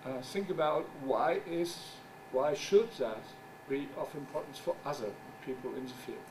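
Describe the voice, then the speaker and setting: Giving a conference talk in a conference room, a middle-aged German-speaking journal editor struggles with his English, pausing to find words and slipping in wry asides. His voice is mid-range, and a distant microphone picks up background noise along with him.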